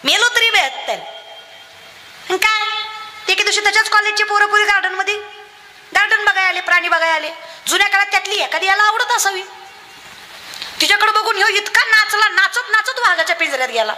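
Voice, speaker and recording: A woman's voice: extremely high pitch, fairly quick, pauses often, pushed and bright, a little hiss or hum. A young woman preaching a rousing kirtan sermon, calling out to the crowd and acting out voices in her stories. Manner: fiery, rousing, addresses crowd directly, acts out funny voices in stories. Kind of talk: devotional kirtan sermon with storytelling.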